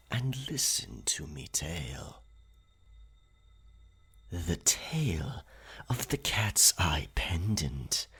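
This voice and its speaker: Playing a dominant pirate captain werecat in an ASMR roleplay, a man tells a scary tale like an ominous campfire storyteller. His deep, slightly bright voice is an exaggerated, breathy, gravelly half-whisper, theatrical and marked by deliberate pauses.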